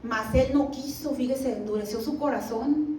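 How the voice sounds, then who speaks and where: A high-pitched woman teaches a Bible lesson in a church hall. She reads scripture at a slow, careful pace and keeps checking in with her listeners. The recording is roomy, picked up from a distance with faint noise behind her. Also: darkish tone. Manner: reads scripture slowly, asks the listeners "¿verdad?". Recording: echoey room, mic at a distance, faint background noise.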